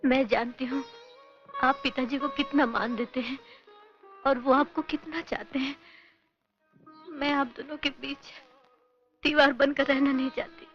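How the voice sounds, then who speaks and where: Pleading young wife, high voice, faint music, muffled vintage sound. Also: female voice, little pitch movement, a little slow, pauses often. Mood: sorrowful. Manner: soft, pleading. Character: self-sacrificing young wife, sorrowful. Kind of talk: 1970s film acting. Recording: dull old film soundtrack.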